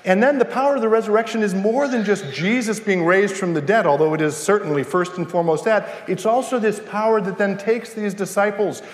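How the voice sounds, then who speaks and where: Man, high voice, sermon delivery, emphatic, rhetorical questions, dramatic pauses, echoey reverberant hall. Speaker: preacher. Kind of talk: sermon to a congregation. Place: large reverberant room, preaching live.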